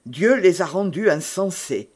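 A man's voice: sits high, lively intonation, unhurried, darkish tone. A man reading aloud, voicing an earnest young man urging a prisoner to escape. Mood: urgent. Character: earnest young man, urgent rescuer, devout.

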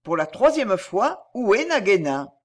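A plucky young male mongoose gives orders crisply, brave and determined, as a woman puts him on. His voice stays close to an ordinary speaking tone but lively in its rise and fall. It is a storybook hero, quick to act. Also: medium pitch. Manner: brisk and determined.

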